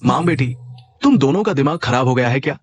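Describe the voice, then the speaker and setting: A man's voice: medium pitch, expressive, brisk, noisy background, lightly acted. A man playing a scornful rich father. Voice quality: harsh, contemptuous. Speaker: disapproving father. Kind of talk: Hindi dubbed short drama.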